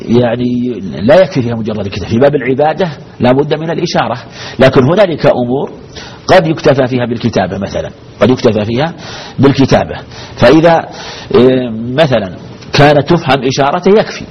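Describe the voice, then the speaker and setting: A man's voice: medium pitch, slightly rough. A man teaching a religious law lesson as a sheikh, asking his class questions and repeating the key phrases. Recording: dull lo-fi recording with faint noise.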